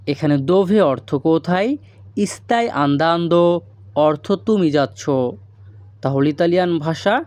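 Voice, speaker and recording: Slow, deliberate male language teacher. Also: on the high side, a little mellow, dry recording. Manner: slow, deliberate delivery, repeating phrases word by word. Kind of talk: recorded language lesson.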